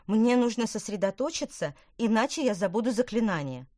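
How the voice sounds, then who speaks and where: A woman reading a storybook, voicing an excitable young female witch who speaks high and loud and chants spells slowly. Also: dry recording, clean studio sound, lightly acted. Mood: impatient.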